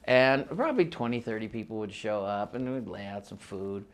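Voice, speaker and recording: An animated musician in his 60s, fairly low-pitched and speaking at normal speed, tells casual oral-history stories from his past. Raised between the US and Mexico, he rambles, laughs often, and frequently restarts.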